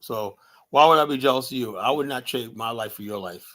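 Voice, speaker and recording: A combative man rants on a live stream in a mid-pitched voice. He talks bluntly and profanely and keeps dropping "you know" as he argues. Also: brisk, sharp tone. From United States. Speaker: host.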